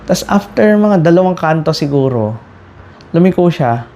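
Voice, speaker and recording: A man's voice: a little high, normal speed. A man casually telling a story to his viewers as a cycling vlogger. He talks animatedly and often restarts his sentences, and sounds exasperated about a bike crash. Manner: animated retelling with frequent restarts.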